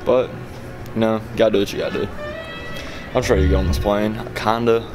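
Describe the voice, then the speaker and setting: A man's voice: on the low side, fairly even intonation, fairly quick, music in the background. A young man from Alabama chatting casually to a handheld camera as he vlogs his travels. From Alabama, United States. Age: young adult. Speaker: vlogger. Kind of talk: casual travel vlog chat. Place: airport terminal and airplane cabin. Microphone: handheld camera at arm's length.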